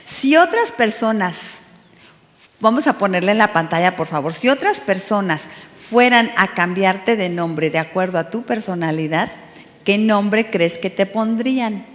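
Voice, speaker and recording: A woman's voice: medium pitch, animated, measured pace. A woman with a Mexican accent, giving a chatty, playful sermon to a women's group and asking them questions. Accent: Mexican Spanish. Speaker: women's ministry preacher. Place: church hall. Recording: long hall reverb.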